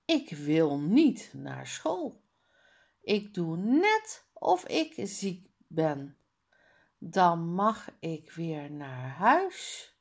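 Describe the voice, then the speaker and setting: A whiny little schoolboy faking illness in a storybook, as a woman puts him on while reading aloud. His protests come high and loud, drawn out very slowly, and the pitch leaps all over. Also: sing-song, gravelly, exaggerated voice. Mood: scheming. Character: sulky schoolboy pretending to be sick. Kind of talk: reading a children's book aloud.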